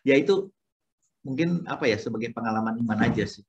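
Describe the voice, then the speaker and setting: A man sharing a personal faith testimony with his Bible study group over a video call, telling it in an animated way and acting out the dialogue. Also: medium pitch, fairly quick, slightly rough, lo-fi sound. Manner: animated storytelling, acts out dialogue.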